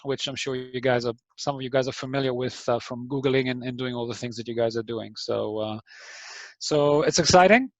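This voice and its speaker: Over a video call mic, a man with a mid-range voice talks a little fast, and the audio is dull but without echo. He has an Israeli accent tinged with New Zealand and gives a friendly, hesitant online talk to startups, with lots of ums and restarts.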